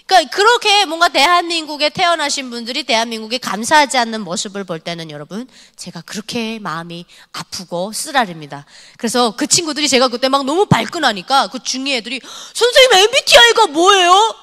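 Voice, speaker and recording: A young woman from North Korea giving a lively testimony sermon at a church youth service, scolding and acting out conversations. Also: a little high, a little fast, long reverb tail. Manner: animated, scolding, acts out dialogue. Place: church hall.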